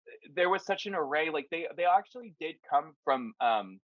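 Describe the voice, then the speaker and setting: A man's voice: fairly high pitch, animated, moderate pace, no room sound, highs cut off. A young man, a hair stylist, telling a story casually in an interview, rambling with lots of fillers like "like" and "you know". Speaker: hair stylist, salon owner.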